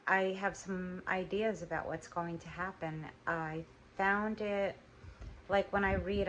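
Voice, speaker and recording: Middle-aged lady chatting about her reading, thinks out loud, bit of hiss behind. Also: lowish voice. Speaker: vlogger's mother. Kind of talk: casual video diary.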